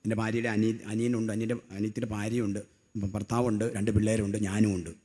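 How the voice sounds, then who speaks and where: A man's voice: flat delivery, fast. Rousing middle-aged male preacher. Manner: rousing call-and-response, has the crowd repeat after him; swings from loud emphatic cries to low storytelling. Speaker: lay preacher. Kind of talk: sermon.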